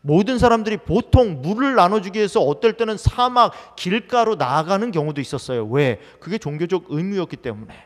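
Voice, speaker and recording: A man's voice: high-pitched, lively intonation, brisk, few pauses. A male pastor preaching a sermon in a conversational way, asking the congregation many questions. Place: church sanctuary. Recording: long hall reverb.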